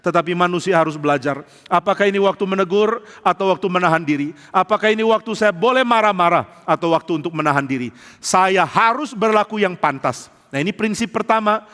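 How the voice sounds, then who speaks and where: A man's voice: sits high, expressive, brisk, a bit bright. A man preaching a sermon as pastor, telling humorous stories and acting out the quotes. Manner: humorous storytelling with acted quotes. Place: large church hall. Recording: long hall reverb.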